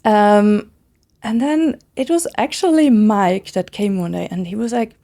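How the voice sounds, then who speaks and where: Swiss woman with a gravelly, mellow voice. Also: medium pitch. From Switzerland. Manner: fast, enthusiastic, many "like" fillers. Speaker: guest, brand founder. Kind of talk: casual interview conversation.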